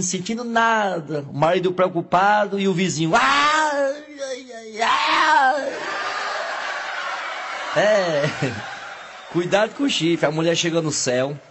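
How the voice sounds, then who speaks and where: A man telling a string of jokes, leaping into high exaggerated voices for the characters. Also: moderate pace, a little hiss or hum. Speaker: joke teller. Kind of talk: telling jokes to a live audience.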